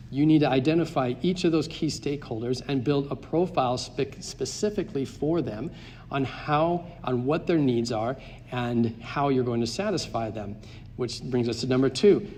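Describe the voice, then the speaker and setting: A man's voice: mid-range voice, darkish tone. Man, conference presenter, emphatic, numbered points, long hall reverb, faint room hum. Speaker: market access consultant. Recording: live talk in a hall.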